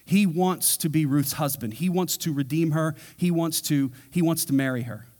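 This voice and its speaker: A man's voice: fairly high pitch, normal speed, darkish tone. A man preaching a verse-by-verse sermon in a casual, conversational way, acting out quotes in everyday voices. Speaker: pastor. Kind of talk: expository sermon.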